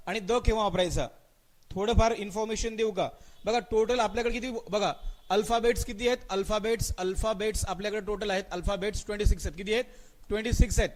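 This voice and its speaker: A man with a Marathi accent teaching an English grammar exam-prep class live online. He calls on students by name, repeats his questions and answers, and drags out the example sentences slowly. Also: sits high. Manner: mixes English words into his speech, stretches out spoken example sentences.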